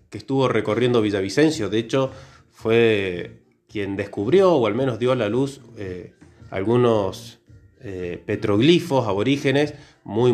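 A man from Córdoba with an Argentine accent, a biologist, co-hosts a casual podcast conversation in a medium-pitched, slightly mellow voice.

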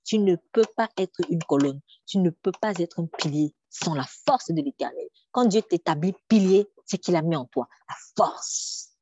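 A woman's voice: on the low side, animated, normal speed, few pauses, dark tone, dry recording, highs cut off. A woman preaching a sermon, emphatic, with rhetorical questions and repetition, sometimes dropping to a near whisper.

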